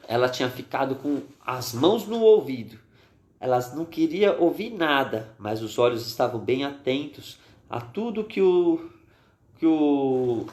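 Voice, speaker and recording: A man telling a Bible story to children on a live stream, animated and acting out the characters. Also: medium pitch. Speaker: children's minister. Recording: echoey room.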